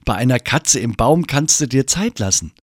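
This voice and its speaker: A man voicing a calm ten-year-old boy who waves things off dismissively. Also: medium pitch, moderate pace, dry recording, clean studio sound, close to an everyday voice.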